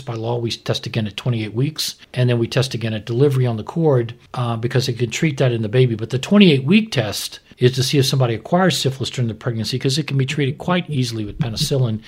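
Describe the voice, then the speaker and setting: A physician explains medicine to a co-host in a plain-spoken, teaching style, often asking questions and answering them himself. His mid-range voice is husky, and he talks fast with few pauses.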